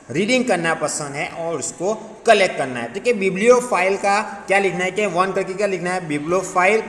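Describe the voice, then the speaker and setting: A male teacher with an Indian English accent, explaining a grammar lesson and switching between Hindi and English as he repeats each word clearly. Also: sits high, a bit bright, a little hiss or hum. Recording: echoey room with long reverb.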